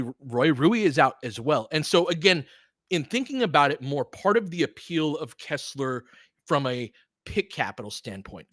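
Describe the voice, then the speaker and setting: In a dry, studio-quality recording, a man with a medium-pitched, fairly bright voice hosts a live basketball audio play-by-play and discussion stream. His sports analysis is casual and responds to chat. He reasons aloud, throws out rhetorical questions and checks in with phrases like "right?".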